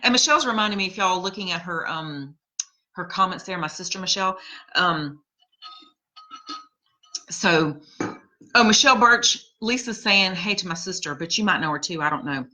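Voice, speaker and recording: A woman's voice: fairly low pitch, lively intonation, normal speed, pauses often, pushed and bright, slight background noise, rough recording. A woman in her forties hosting a casual live chat, rambling through funny family stories and laughing at them. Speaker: podcast host reading live comments.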